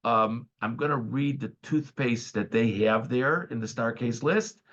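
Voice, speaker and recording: A man speaking as a rabbi in an informal online question-and-answer class, warm and questioning, hesitant and rambling as he restarts phrases and poses questions before answering them. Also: mid-range voice, a little slow, muffled recording. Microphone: online video call.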